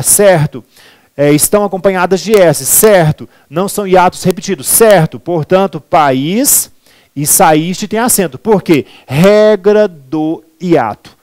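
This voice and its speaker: A man's voice: fairly high pitch, darkish tone. A man with a Brazilian Portuguese accent teaching a grammar lesson for a civil service exam, emphatic, repeating key words and answering his own questions.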